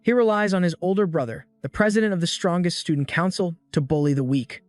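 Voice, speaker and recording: A man's voice: sits high, fast talker, no echo. Male narrator reading a story recap.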